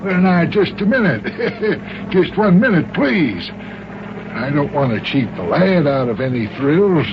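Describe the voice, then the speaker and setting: A man's voice: on the high side, big pitch swings, takes it slowly, heavily acted. A man playing a timid, self-important older mayor, folksy and hesitant, stammering in a children's radio serial. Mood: evasive, blustering. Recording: noisy, muffled old radio recording.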